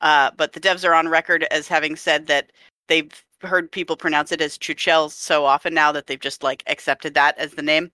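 Bright chatty woman host. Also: low-pitched, level tone, normal speed, no echo, clean studio sound. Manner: chatty, laughs easily. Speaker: podcast host. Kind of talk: casual podcast chat.

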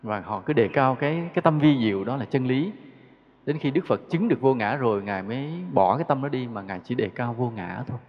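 A man's voice: medium pitch, expressive, a little fast. A man giving a conversational Buddhist dharma talk, asking rhetorical questions and chuckling now and then. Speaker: Buddhist teacher. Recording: dull lo-fi recording with long hall reverb.

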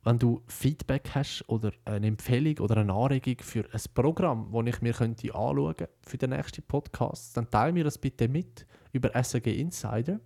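A man's voice: mid-range voice, moderate pace, vocal fry, hardly any pauses, mellow. Young Swiss German man hosting a podcast. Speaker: podcast host, broadcaster intern. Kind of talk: casual podcast monologue.

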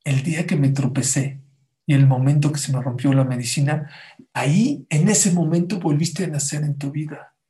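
A man's voice: on the high side, moderate pace, dark tone, lightly acted. A man voicing a poor, wise mother who earnestly teaches her son a lesson.

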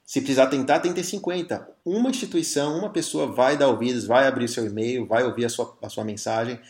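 A man's voice: medium pitch, brisk, darkish tone. Brazilian man hosting in an echoey room. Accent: Brazilian Portuguese. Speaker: podcast host. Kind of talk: casual interview.

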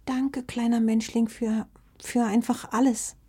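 A woman voicing a small, shy young female blue fox in a children's audio story, soft and plaintive. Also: on the high side, flat delivery, a little slow, husky, voice pushed up. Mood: grateful, sleepy.

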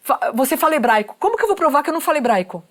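A woman, a journalist guest telling a story in an animated, expressive way. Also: high voice, rapid-fire. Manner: expressive, acts out quoted voices, laughs often.

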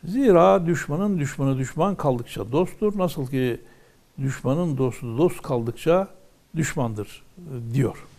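A man teaching from a religious text in a slightly high voice with a gravelly edge. He reads ornate old wording aloud, then explains each phrase in plain words, at the measured pace of a lesson. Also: animated, darkish tone.

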